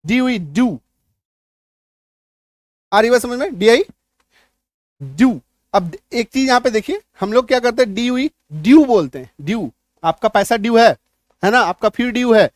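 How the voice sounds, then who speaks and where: Checking understanding with frequent questions, a man teaching English repeats each spelling rule for his students in a high-pitched voice. It's a spoken-English lesson captured in a dry, close recording free of room sound.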